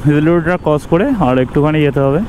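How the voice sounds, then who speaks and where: Fast-talking West Bengal man motovlogging through traffic noise. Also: on the high side, steady tone, a little mellow, low-quality recording. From West Bengal, India. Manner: chatty, colloquial, addressing viewers directly. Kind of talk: casual riding vlog chat to viewers. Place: outdoors, riding a motorbike in traffic. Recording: outdoor traffic and engine noise. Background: road traffic, vehicles.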